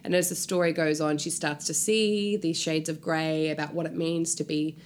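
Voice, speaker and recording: A woman guest author talks casually in an interview, animated and informal, saying "like" a lot and swearing often. Her voice is low-pitched and moderately paced, with a little hiss or hum in the recording.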